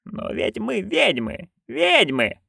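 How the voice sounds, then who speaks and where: A man voicing a proud, hot-tempered old witch woman who hisses and growls her words slowly. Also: very animated, gravelly, fairly bright tone, no echo, clean studio sound, full character voice. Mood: raging. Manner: hissing, growling, slow and low.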